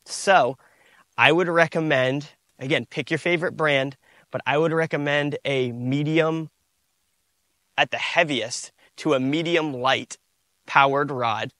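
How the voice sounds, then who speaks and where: A man, giving a relaxed outdoor fishing tutorial from a boat on a lake, recorded on a lapel mic. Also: fairly high pitch, measured pace, no room sound. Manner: relaxed, repeats "again" and "you guys". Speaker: fishing instructor.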